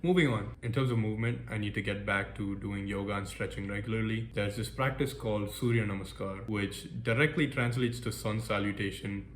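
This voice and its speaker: A young man talks through his plans in a casual, upbeat vlog, joking at his own expense as he ticks through a list. His voice sits a little low. The room is echoey with a faint hiss behind him. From United States. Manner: upbeat, self-deprecating, lists goals briskly. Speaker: vlogger. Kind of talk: casual goal-setting vlog.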